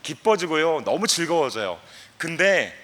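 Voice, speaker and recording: A young man giving a playful, animated talk to a youth camp audience, acting out voices and leading the crowd in chants. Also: on the high side, a little slow. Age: young adult. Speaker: guest speaker at a youth camp.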